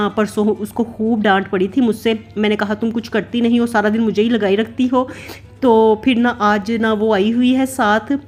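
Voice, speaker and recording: This is a mid-range, darkish female voice belonging to a Pakistani vlogger mother in her thirties. In a voice-over recorded apart from the footage, she rambles casually about her home cooking and routine, constantly dropping in "na."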